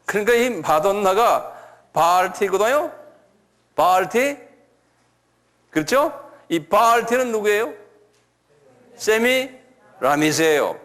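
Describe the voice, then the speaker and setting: A male pastor giving a lecture-style sermon, repeating key words slowly and asking his listeners questions. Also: high voice, very animated, fairly bright tone.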